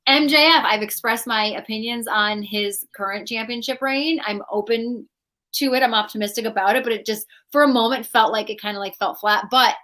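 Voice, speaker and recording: A woman co-hosts a casual podcast, her voice bright and a touch high. She talks in loose, chatty runs full of "like.". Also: a little fast. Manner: chatty, leans on "like" a lot. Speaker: podcast co-host.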